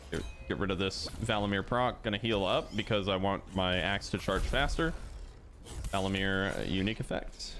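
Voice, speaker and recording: A man giving relaxed, explanatory commentary over a game he is playing, with plenty of fillers as he talks through each move. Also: sits low, slight background noise. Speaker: gaming channel host. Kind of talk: casual gameplay commentary.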